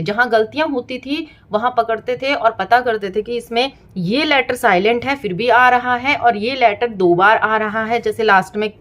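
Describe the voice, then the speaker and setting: A woman's voice: on the high side, fairly bright tone. A woman in her thirties explaining to parents how to teach spelling, breaking words into parts and spelling letters aloud, with frequent "theek hai" check-ins. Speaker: parenting and teaching channel host. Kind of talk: explanatory home tutorial.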